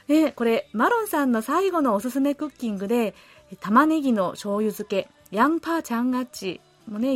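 A woman hosts a radio program from the studio, chatting warmly and gently as she reads out letters from listeners. Her voice sits high, and a faint bed of music plays behind her. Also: no room sound. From Korea. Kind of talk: casual radio talk.

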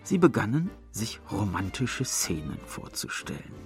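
A man narrating a story as an audiobook in a measured storytelling manner. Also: on the low side, big pitch swings, soft background music.

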